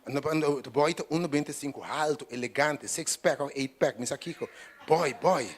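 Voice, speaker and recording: A man preaching a sermon, dropping to quiet talk and then rising to loud, emphatic peaks. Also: a little high, normal speed. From Curaçao. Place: church broadcast on radio.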